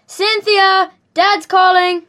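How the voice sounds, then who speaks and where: A woman's voice: extremely high pitch, flat delivery, slow pace, sharp tone, exaggerated voice. A woman playing a distracted, game-obsessed son in an acted comedy drama, speaking in an offhand way.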